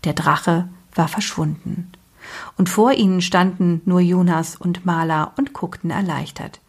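A woman with a breathy voice reading a children's book aloud expressively, dropping to a whisper at tense moments. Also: on the low side, fairly even intonation, a little slow. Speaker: storyteller.

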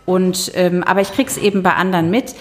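Lower-voiced middle-aged woman author. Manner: measured, lightly humorous, some hesitations. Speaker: author and TV journalist. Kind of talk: reading her novel, then casual interview talk.

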